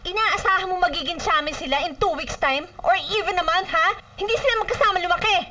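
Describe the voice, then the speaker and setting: An actress playing a proud, sharp-tongued single mother in a film drama, scolding and bitter. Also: very high voice, quick pace, recorded from a distance. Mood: cold.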